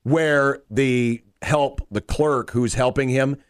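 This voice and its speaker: A man co-hosting a casual sports podcast, telling stories with dry quick asides. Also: mid-range voice, fairly even intonation, smooth, dry recording. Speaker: podcast co-host.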